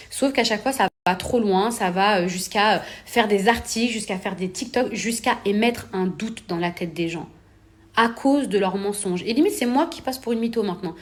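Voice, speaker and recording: Young woman, influencer, casual monologue to camera; emphatic and indignant, repeats words for stress, flares into heated peaks. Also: medium pitch. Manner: rising to heated outbursts. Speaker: influencer addressing her followers.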